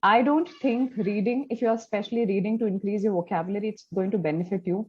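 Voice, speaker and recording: A woman author and English teacher with an Indian English accent speaks at a middle pitch. Her answers are measured, with some hesitations, and her audio sounds dull, like an online call. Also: husky. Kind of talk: interview answers.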